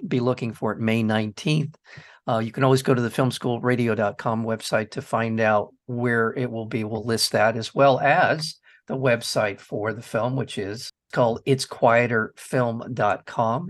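A man hosts a film radio show and chats with a guest director. He sounds enthusiastic and keeps restarting his phrases while he works toward his point. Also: medium pitch. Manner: enthusiastic, thinks aloud with restarts. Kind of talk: radio interview.

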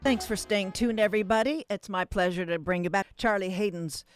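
A woman's voice: mid-range voice, fairly quick, music in the background. A woman hosting a call-in radio show, talking in a chatty, rambling way with many restarts.

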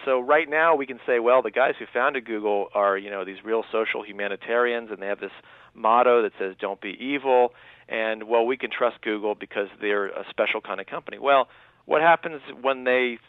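A man's voice: mid-range voice, moderate pace, no room sound. A man in his thirties, a guest writer, earnestly explaining in a radio interview, with many restarts and fillers. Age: 30s. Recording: thin phone-line sound.

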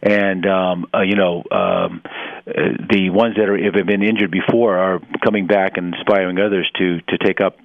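A man in his sixties explaining things as a radio interview guest, speaking haltingly with many pauses and repeated words. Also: low-pitched, animated, creaky, no room sound, lo-fi sound. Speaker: interview guest, head of an adaptive sports organization.

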